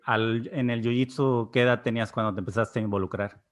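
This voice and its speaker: A man in the host's seat of a talk podcast, at a mid pitch. He asks short, casual questions and keeps the talk moving along. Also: fairly even intonation, brisk. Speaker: podcast host. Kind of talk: interview questions.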